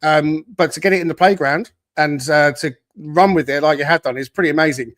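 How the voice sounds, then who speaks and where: Male podcast host, fairly high voice, upbeat and welcoming. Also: fairly quick, a bit bright. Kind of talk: casual chat.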